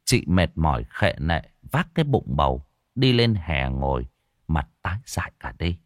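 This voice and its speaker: A man narrating a ghost story in a dramatic, expressive way. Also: very deep voice, moderate pace, dry recording, clean studio sound.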